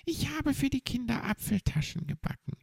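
A man voicing a fussy, motherly hedgehog mother in a children's audiobook, in a high put-on falsetto. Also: big pitch swings, normal speed, vocal fry, husky, dry recording, exaggerated voice. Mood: warm. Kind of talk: audiobook character voice.

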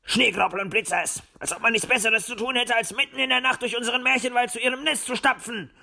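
A man's voice: sits high, normal speed, sharp tone. A man voicing a grumpy, grumbling male fox in a storybook audiobook. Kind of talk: audiobook character voice.

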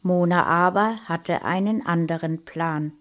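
A woman reading a fantasy story aloud in a calm, even way. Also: lowish voice, unhurried. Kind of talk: audiobook narration.

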